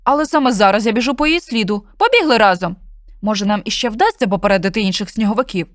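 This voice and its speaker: A woman voicing a loyal, gruff street dog in a children's story, growling and determined. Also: medium pitch, animated, fast talker, dry recording, clean studio sound, natural voice.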